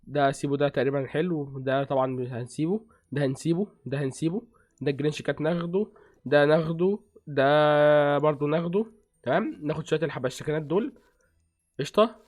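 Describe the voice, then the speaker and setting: A man with an Egyptian accent chatting casually as a gaming streamer, rattling off quick thanks to donors. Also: fairly high pitch. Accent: Egyptian Arabic. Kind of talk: casual game commentary.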